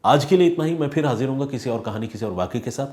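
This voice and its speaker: A man who hosts a crime story channel, reading viewer comments aloud and sharing his view in a measured, conversational way. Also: mid-range voice, lively intonation, a little mellow.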